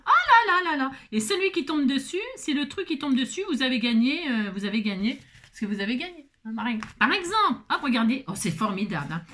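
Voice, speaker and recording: A woman with a fairly high voice talks viewers through a craft project in a loose, chatty way. She keeps tossing in "hein" and joking asides, often poking fun at herself. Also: fairly bright tone. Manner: chatty, peppers talk with "hein" and playful asides; jokey and self-mocking. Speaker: craft vlogger. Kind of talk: casual crafting tutorial.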